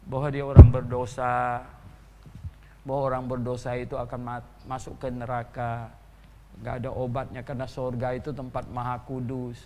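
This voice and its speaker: A man pastor giving an animated sermon in a church, full of rhetorical questions and chuckling asides. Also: medium pitch, moderate pace, long reverb tail, background noise.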